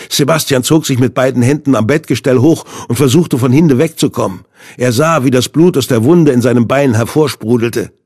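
A man narrating a thriller audiobook in a measured, suspenseful way, with a husky voice. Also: medium pitch, a little mellow, dry recording, studio quality.

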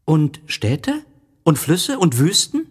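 A man's voice: huge pitch swings, slow, slightly rough, full character voice. A man voicing a curious, earnest small boy prince who keeps asking questions in an audiobook reading. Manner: high, wondering, pressing questions.

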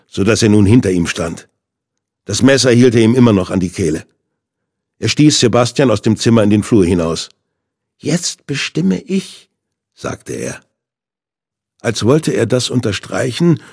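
Man, audiobook narrator, thriller, measured and suspenseful, husky voice, dry close recording. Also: on the low side, a little mellow, dry recording.

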